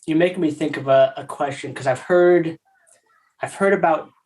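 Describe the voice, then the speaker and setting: A man in his thirties hosts a podcast, talking in a relaxed, upbeat and friendly way. His questions ramble a bit. He's heard through a video call mic. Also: a little high, moderate pace. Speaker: podcast host. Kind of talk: casual interview chat.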